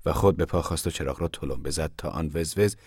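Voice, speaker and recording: A man narrating an audiobook in a calm, measured storytelling manner. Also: very deep voice, husky, no room sound, studio quality.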